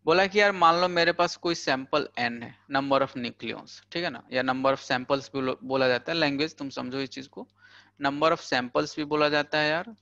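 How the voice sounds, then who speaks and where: A man's voice: medium pitch, normal speed, sharp tone, no echo, lo-fi sound. A young man teaching physics in a casual lecture, chatty and full of filler words, using everyday money examples. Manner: chatty, peppers talk with "thik hai" and "bhai". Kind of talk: casual Hindi lecture for exam prep.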